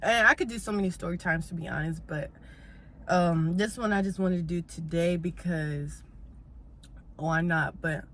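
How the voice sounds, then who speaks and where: A woman's voice: on the low side, normal speed. A young woman vlogger, chatting casually as she eats on camera. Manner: relaxed, chatty, eating while talking. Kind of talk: casual mukbang chat.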